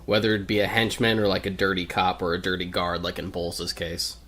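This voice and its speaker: A man joining a let's play as guest, commenting in a measured, analytical way. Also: low-pitched, level tone, a bit bright. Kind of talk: casual gameplay commentary.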